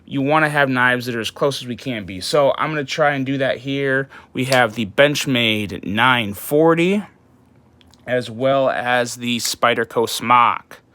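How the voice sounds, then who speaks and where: A man's voice: mid-range voice, a little slow, sharp tone. A man giving a casual, enthusiastic knife review, rambling with fillers and restarts, his early-morning voice tripping over words.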